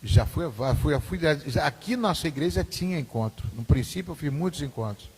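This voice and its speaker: Husky pastor in echoing hall. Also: male voice, on the high side, lively intonation, brisk, a little mellow. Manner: informal, repetitive, asks the class questions. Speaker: pastor teaching Sunday school. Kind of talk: conversational church teaching. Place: church hall. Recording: husky voice in a reverberant church hall.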